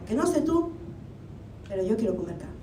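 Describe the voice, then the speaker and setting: A woman's voice: very animated, brisk, warm tone. Woman preaching in an echoey hall. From Argentina. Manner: conversational preaching with rhetorical questions. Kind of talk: sermon. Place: church hall. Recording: echoey hall, mic at a distance, faint rumble.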